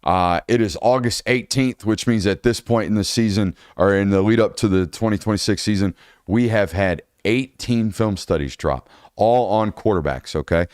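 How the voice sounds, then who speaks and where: Low, smooth-voiced sports podcast host. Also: male voice, normal speed, a little mellow, dry recording, clean studio sound. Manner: loose, rambling, self-correcting. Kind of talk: casual sports podcast chat.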